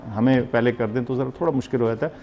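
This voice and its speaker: Measured Pakistani man with gravelly voice. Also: medium pitch, fairly even intonation, lo-fi sound, slight background noise. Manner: measured, polite, explanatory. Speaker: health official guest. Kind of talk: interview answers.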